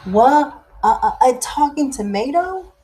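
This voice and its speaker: A woman's voice: high voice, expressive, dark tone, slight background noise, pitched above the performer's own voice. A woman voicing a lazy, grumpy, stubborn male spider in a children's story, with cranky, emphatic delivery. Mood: greedy, amazed. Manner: cranky, emphatic, drawn-out refusals.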